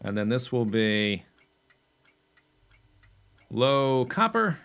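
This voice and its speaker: A man's voice: mid-range voice, sing-song, very slow, gravelly, a bit bright, smooth. A young man casually commenting on his own gameplay as he plans a factory build, thinking aloud with fillers and self-corrections, and he has the hiccups. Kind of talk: casual let's play commentary.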